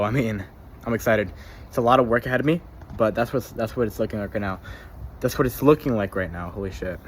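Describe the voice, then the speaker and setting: A man's voice: on the low side, a little hiss or hum. A young man keeping a casual spoken journal, rambling, swearing freely and often repeating himself or tripping over his words.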